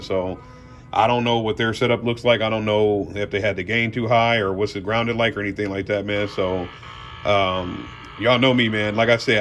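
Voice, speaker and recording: Speaking in a lowish, slightly bright voice, the host of a car audio vlog talks through an unboxing in a relaxed, colloquial way, calling his audience "y'all" and "man."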